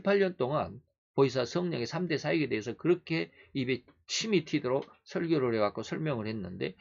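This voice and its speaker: A man preaching a sermon as pastor, surging loud on key words and then dropping to quiet, reflective asides. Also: mid-range voice, creaky. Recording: dull lo-fi recording.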